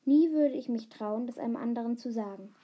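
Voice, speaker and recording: A woman reading a children's book aloud, unhurried, with small slips and fillers. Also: on the high side, breathy edge, lo-fi sound. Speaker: reader.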